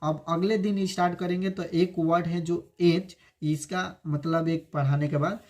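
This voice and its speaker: A man teaching a spoken English lesson, repeating words slowly to drill their pronunciation. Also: on the high side, little pitch movement, darkish tone.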